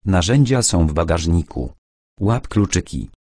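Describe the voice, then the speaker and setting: A man reading the lines of an eager teenage scout who answers quickly and keenly. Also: low-pitched, big pitch swings, darkish tone, slightly rough, no room sound, clean studio sound, exaggerated voice. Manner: eager, breathless.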